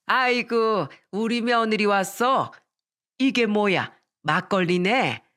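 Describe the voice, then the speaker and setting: A woman voicing a brash, domineering older mother-in-law who shouts and drawls. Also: medium pitch, normal speed, lightly acted. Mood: jovial.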